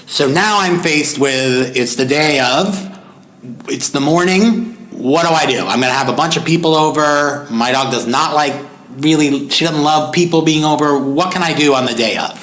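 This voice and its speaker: A man's voice: fairly high pitch, moderate pace, fairly bright tone. Joking man hosting, echoey room. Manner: joking, playful, self-deprecating. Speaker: podcast co-host. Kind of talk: casual podcast chat. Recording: roomy echoey podcast recording.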